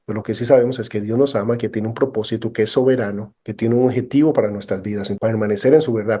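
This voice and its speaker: Brief: man, Bible class teacher, mellow mid-range voice, earnest sermon delivery, animated storytelling. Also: medium pitch. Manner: animated storyteller, acts out quoted dialogue; earnest preaching, rhetorical questions to the class. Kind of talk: sermon-style Bible lesson.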